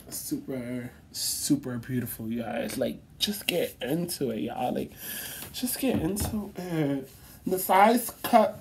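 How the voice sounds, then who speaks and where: Low-voiced woman in a chatty vlog. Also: a little hiss or hum. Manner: chatty, animated, laughs often and swears freely. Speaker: vlogger. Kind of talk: casual recovery vlog.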